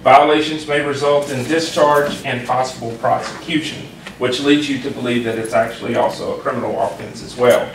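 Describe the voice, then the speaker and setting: A police chief confronting an official at a city council meeting, firm and direct, sometimes reading policy text aloud. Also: male voice, medium pitch, steady tone, fairly quick, hardly any pauses. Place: council chamber. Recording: echoey hall, distant, faint noise.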